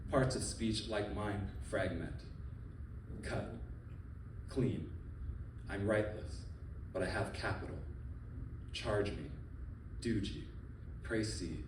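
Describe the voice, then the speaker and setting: A Filipino poet with a fairly low voice reads his work at a live venue, filling the gaps between poems with loose, joking banter. He is recorded off-mic from a distance, so his voice carries through a roomy hall over a steady bed of audience noise.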